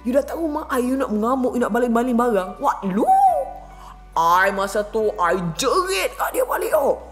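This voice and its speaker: A married woman vlogging, telling a casual story with lively acted-out quotes and English words mixed in. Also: moderate pace, soft background music. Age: adult, married. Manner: animated, acts out quotes with big pitch jumps, mixes English in.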